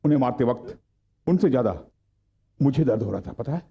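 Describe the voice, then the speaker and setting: A stern young hero. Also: male voice, medium pitch, lively intonation, brisk, creaky, highs cut off. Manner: stern, lecturing. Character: bold young man punishing his uncle. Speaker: hero in a dubbed film. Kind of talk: Hindi film dubbing.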